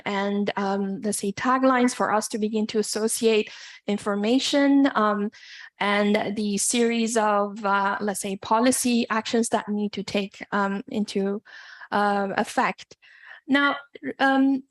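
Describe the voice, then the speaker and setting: A woman from Iran, guest speaker at an academic lecture, talks in a measured, hesitant way and pauses often. Her voice is fairly high in pitch.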